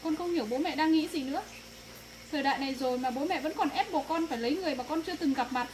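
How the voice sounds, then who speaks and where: A woman's voice: high voice, very fast, slight background noise, lightly acted. A young woman acting as a daughter who pleads against and refuses a forced marriage. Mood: pleading. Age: young adult. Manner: pleading, defiant. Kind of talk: family drama acting.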